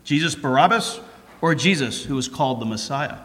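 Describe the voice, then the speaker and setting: A loud, pressing governor, as a woman reader puts him on, firing questions. His pitch swings widely, and the tone is altered from her own. Long reverb surrounds the voice. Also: expressive, moderate pace. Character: questioning male Roman governor Pilate, grown man.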